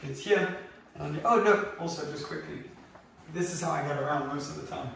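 A man's voice: on the high side, moderate pace, creaky, a little hiss or hum. A young man in his twenties, chatting casually with many fillers as he walks through a modern house. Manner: relaxed, chatty, many fillers, walking while talking. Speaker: vlogger giving a home tour. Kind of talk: casual chat. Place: indoors, modern house, moving room to room. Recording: echoey rooms, slightly distant mic.

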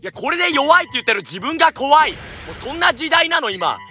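A man giving energetic, jokey let's-play commentary with loud outbursts. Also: very high-pitched, quick pace, faint music behind. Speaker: gaming YouTuber.

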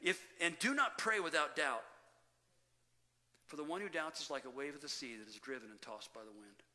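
Man, pastor, sermon, bright cutting voice, emphatic, long church-hall reverb. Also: a little high. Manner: emphatic preaching, rising and falling with pauses; addresses congregation as "loved ones". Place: church sanctuary.

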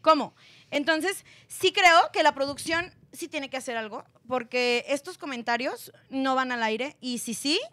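A woman's voice: high-pitched, unhurried, few pauses, fairly bright tone. A woman with a Mexican accent hosting a celebrity gossip channel, talking in a sassy, slangy and sarcastic way into a phone.

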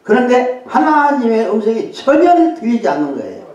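A man's voice: extremely high pitch, big pitch swings, normal speed, a little mellow. An older man, a guest preacher, giving a sermon in a conversational way, often adding short affirming interjections. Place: church sanctuary. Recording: very echoey hall, voice from far off.

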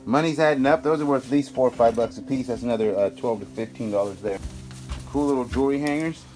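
A man's voice: medium pitch, quick pace, darkish tone, faint music behind. A man giving upbeat running commentary while sorting and pricing items in a storage unit, filmed outdoors on a handheld phone. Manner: upbeat, appraising items aloud with prices. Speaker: storage auction vlogger.

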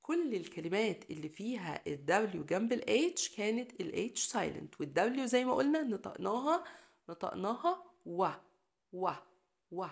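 A woman's voice: medium pitch, big pitch swings, normal speed, gravelly. A woman with an Egyptian Arabic accent teaching English pronunciation to children in a recorded lesson. She patiently says each example word twice and cheers her pupils on. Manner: encouraging, addresses pupils fondly.

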